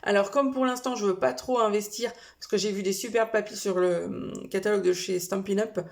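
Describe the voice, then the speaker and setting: A woman's voice: medium pitch, fairly even intonation, brisk, vocal fry, a little mellow. A woman chatting casually to camera as she shows a shopping haul, talking in a hesitant way with many fillers and small self-corrections. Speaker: vlogger showing a shopping haul.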